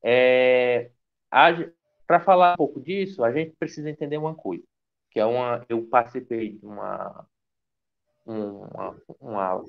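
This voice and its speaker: A man's voice: medium pitch, unhurried, gravelly. A man from Ceará, giving an online academic lecture in a hesitant way, with many restarts. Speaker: guest lecturer. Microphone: video call. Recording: dull lo-fi video call audio.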